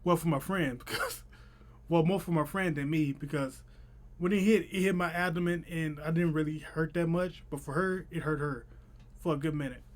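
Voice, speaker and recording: Young male vlogger, voice a bit high, slushy sh-like lisp, casual slangy storytelling. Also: fairly even intonation, normal speed. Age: young adult. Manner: informal, chatty, slangy delivery. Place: small room at home.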